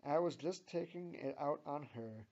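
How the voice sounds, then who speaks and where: A man's voice: a little high, a little slow, warm tone, muffled recording, voice pushed up. A man reading as a cocky teenage girl. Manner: cocky, sarcastic.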